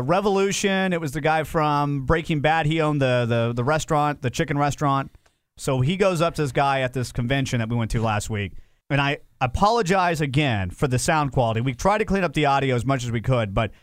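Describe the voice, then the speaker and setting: A man's voice: medium pitch, dry recording, studio quality. A man hosting a casual talk show, teasing and joking as he chats. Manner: joking, teasing, mimics others. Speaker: show host.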